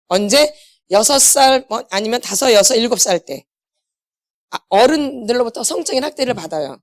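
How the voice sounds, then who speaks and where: A woman's voice: a little high, no echo, clean studio sound. A middle-aged woman, a pastor's wife, giving a church healing lecture, asking her listeners questions and repeating the key words back to them. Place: church hall.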